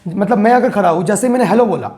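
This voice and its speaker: High, mellow-voiced male teacher. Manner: repeats key phrases slowly for dictation; mixes English terms into explanations. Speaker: physics teacher. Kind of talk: classroom lesson.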